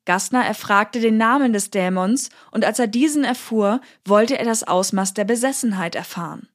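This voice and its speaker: A woman telling a historical account in calm, measured scripted narration. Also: mid-range voice.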